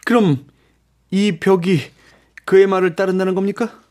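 A man voicing an agitated, impatient young nobleman in an audiobook drama, speaking urgently and excitedly. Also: on the high side, normal speed, voice pushed up, close to an everyday voice. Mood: bewildered.

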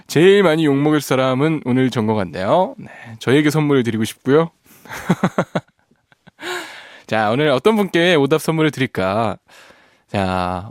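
A radio show host reads out listener messages in a medium-pitched voice, captured in a dry, studio-quality recording from the radio studio. His manner is playful, he laughs a lot, and his voice strains when he sings a line.

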